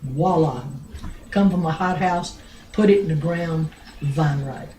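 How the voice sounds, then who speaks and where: An older grandmother telling a family story in a rambling, blunt way, with many pauses and restarts. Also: low voice, mellow, slight background noise. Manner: blunt, earthy, with mild swearing. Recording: roomy home recording.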